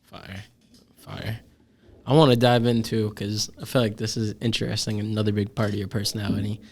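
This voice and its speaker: A teenage man hosting a casual podcast interview, reacting with short excited exclamations and profane slang. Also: lowish voice, brisk, gravelly. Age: teens. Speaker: podcast host.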